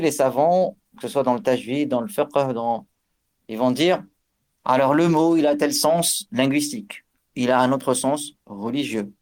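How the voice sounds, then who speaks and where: In a tajwid lesson, a religious teacher with a medium-pitched, slightly mellow voice explains the rules of recitation. He uses fillers, restarts his sentences, and chants Arabic examples.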